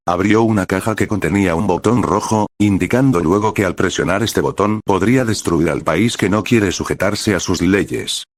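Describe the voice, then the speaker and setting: A pastor from Peru reading aloud a prophetic vision in a slow, solemn, dramatic manner. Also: male voice, deep voice, no echo, clean studio sound.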